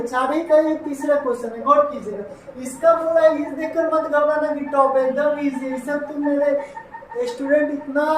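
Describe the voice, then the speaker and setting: A man's voice: very high voice, slight background noise. Male maths teacher, Bihari Hindi accent, repetitive classroom delivery, recorded from a distance in a very echoey room. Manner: repetitive, voices students' questions back to them.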